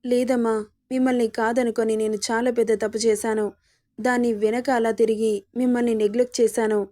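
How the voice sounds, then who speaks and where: A woman's voice: a little high, flat delivery, a little fast, mellow, close to an everyday voice. A woman reading the lines of a young man apologizing tearfully to his mother. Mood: remorseful. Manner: pleading, apologetic.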